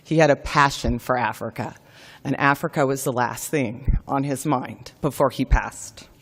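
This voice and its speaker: A woman's voice: rumbling low, moderate pace, breathy edge, big-room sound. A woman giving a formal speech at a forum, gracious and earnest, telling a personal family story. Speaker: keynote speaker at a forum.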